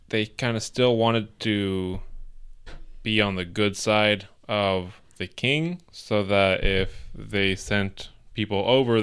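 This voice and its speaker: A man co-hosting a history podcast, chatting casually in halting, rambling sentences. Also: fairly low pitch, fairly bright tone, smooth. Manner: rambling, halting, with many restarts. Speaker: podcast co-host. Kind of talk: casual chat.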